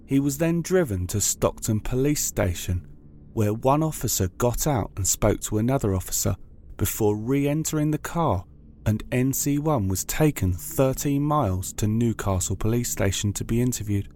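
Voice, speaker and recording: A man's voice: medium pitch, lively intonation, moderate pace, dark tone. A man reading scripted true-crime narration in a formal, factual manner.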